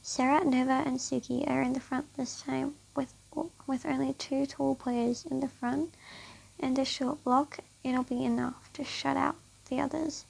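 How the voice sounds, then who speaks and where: A woman's voice: high voice, little pitch movement, unhurried, vocal fry, a little mellow, slightly rough, rough recording. A woman reading fan fiction aloud on her channel with a sore throat, often stumbling and rereading phrases.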